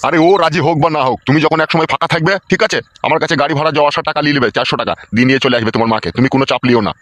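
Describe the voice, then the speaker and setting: A man's voice: on the high side, steady tone, very fast, fairly bright tone, no echo, lightly acted. A man doing a fussy old widowed father-in-law. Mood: coaxing. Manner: coaxing, fatherly. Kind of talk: cartoon comedy voice acting.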